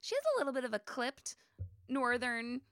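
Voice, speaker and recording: A woman's voice: on the high side, normal speed, fairly bright tone, clear, resonant tone, no room sound, studio quality. A woman co-hosting a podcast, chatty and laughing as she tells stories. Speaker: podcast co-host. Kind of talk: casual chat.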